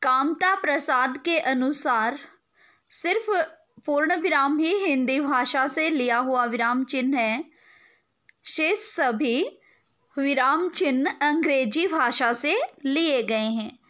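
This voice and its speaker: A woman teacher, giving an online grammar lesson in a slow, deliberate, dictation-like way. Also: sits high, a bit bright.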